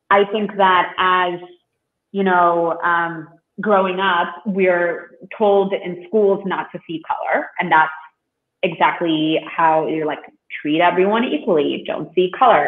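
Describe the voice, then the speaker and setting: A man from Russia, a guest in an interview, talking in an earnest, halting way with many fillers. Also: sits high. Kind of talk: interview conversation. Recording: echoey, phone-like call line.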